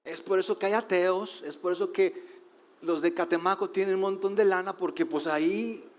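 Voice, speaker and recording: Brief: preacher, slightly high voice, sermon delivery, questions to the crowd. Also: male voice, fairly even intonation. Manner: rhetorical questions, shifting slow emphasis and quick asides. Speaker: pastor.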